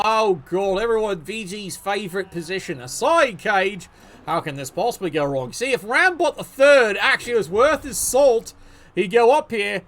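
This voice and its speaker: A man's voice: sits high, a bit bright. A man commentating a video game league match, sarcastic, joking and swearing freely.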